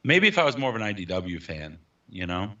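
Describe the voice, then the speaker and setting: A man's voice: fairly low pitch, sing-song, brisk, pushed and bright. A man co-hosting a casual podcast who teases the others. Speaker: podcast co-host. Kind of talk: casual chat. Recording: dull sound from off-mic.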